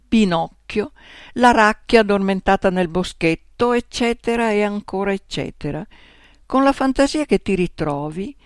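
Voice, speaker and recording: Storybook role: a woman voicing a lazy, indignant female house cat, mid-pitched and sassy. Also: no room sound, clean studio sound. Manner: grumbling, indignant and cheeky. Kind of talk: storybook reading.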